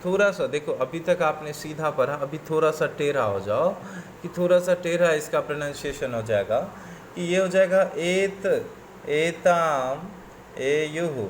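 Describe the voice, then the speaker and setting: A man's voice: fairly high pitch, animated, moderate pace, slight background noise. A man teaching a coaching class, reciting word forms in patient lists and mixing English words into his explanations.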